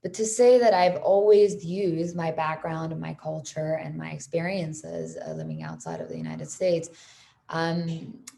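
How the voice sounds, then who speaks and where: On a video-call panel, an Iranian lawyer in her thirties whose first language is Persian speaks amiably with plenty of fillers. Her low, expressive voice is warm with vocal fry, and she keeps a measured pace.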